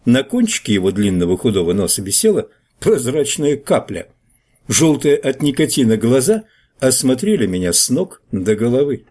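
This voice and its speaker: A man's voice: medium pitch, big pitch swings, normal speed, mellow. A man reading a first-person audiobook in a wry storytelling manner. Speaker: narrator. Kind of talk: audiobook narration.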